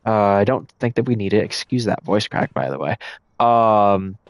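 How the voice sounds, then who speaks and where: A man's voice: on the low side, animated, normal speed, dry recording, highs cut off. A man streaming a ghost-hunting game live, casually thinking aloud and explaining his moves to the chat. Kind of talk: live gameplay commentary.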